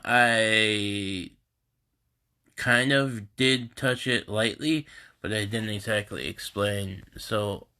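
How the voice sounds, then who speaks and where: Congested guy, kinda low voice, super slow, rambling and halting on a phone live stream at home. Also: fairly even intonation, pushed and bright. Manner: halting and rambling, many restarts. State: congested, stuffy nose. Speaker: host of a live group stream. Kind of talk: casual live-stream talk. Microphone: phone camera.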